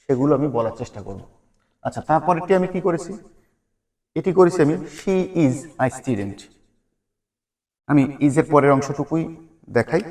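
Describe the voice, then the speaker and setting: A man teaching a spoken English lesson, patiently repeating example sentences slowly. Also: medium pitch, a little mellow.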